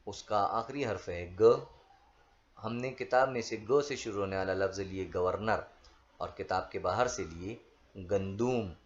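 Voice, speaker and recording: A man teaching a school lesson, reading out word lists one word at a time in a slow, measured way. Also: lowish voice. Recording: dull lo-fi recording.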